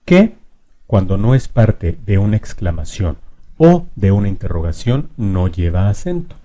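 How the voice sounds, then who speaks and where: Mellow, low-voiced male teacher. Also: big pitch swings. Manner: clear, deliberate, reads examples out slowly. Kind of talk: explanatory grammar lesson.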